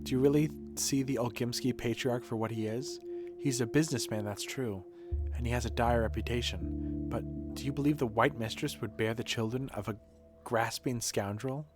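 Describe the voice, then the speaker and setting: A man with a natural, mid-range voice reads game dialogue as an earnest, dutiful woman who runs a shelter, delivering it in a measured, formal and reflective way. Music plays in the background.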